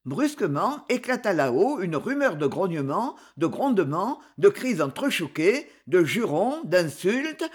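A narrator reading a swashbuckling adventure novel aloud in a dramatic, expressive storytelling manner. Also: mid-range voice, measured pace, hardly any pauses, slightly rough.

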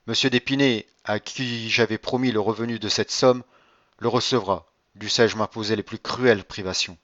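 A man's voice: on the low side, steady tone, moderate pace, a bit bright, no echo, lo-fi sound, lightly acted. A man reading a proud, indignant magistrate. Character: indignant aristocratic French magistrate, middle-aged man. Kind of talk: audiobook reading.

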